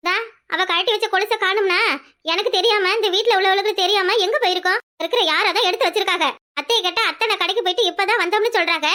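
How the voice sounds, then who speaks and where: A woman's voice: very high-pitched, fast, pushed and bright. A woman voicing a touchy young married woman who protests with wailing self-pity, in a southern Tamil Nadu accent. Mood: indignant. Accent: southern Tamil Nadu dialect. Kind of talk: cartoon voice acting.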